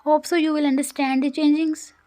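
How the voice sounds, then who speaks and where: High-pitched woman teaching. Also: flat delivery, fairly quick, warm tone. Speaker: coding tutorial host. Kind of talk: scripted screen-recorded tutorial narration.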